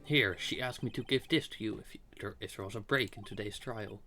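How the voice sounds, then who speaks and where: A man voicing a gruff, put-upon, blustery police detective from a video game, grumbling as he talks. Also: on the low side, fairly quick, bright, forceful tone. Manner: grumbling, calls people pal. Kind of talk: amateur voice-acting of video game dialogue.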